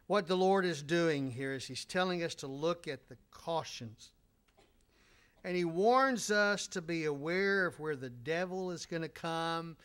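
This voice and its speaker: A man with a high voice preaches a sermon as a pastor. He talks in a loose, conversational way and tells stories. He slips in sarcastic humor. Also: a bit bright.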